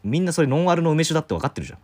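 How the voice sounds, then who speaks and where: Fast-talking animated man telling a story. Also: a little high. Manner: animated storyteller, acts out quoted voices, rough casual speech. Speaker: podcast co-host telling a story. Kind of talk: casual chat.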